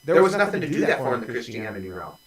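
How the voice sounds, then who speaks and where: A man's voice: mid-range voice, very animated, racing, roomy sound. A man in his forties speaking bluntly and earnestly in casual conversation. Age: 40s. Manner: earnest, blunt confessional talk. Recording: voice from a distance off mic.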